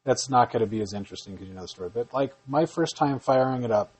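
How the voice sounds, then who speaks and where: A man's voice: mid-range voice, fast talker, a little mellow, husky, poor audio. A man hosting a home podcast, chatting casually with his wife and rambling with many fillers. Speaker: podcast host. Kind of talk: casual chat.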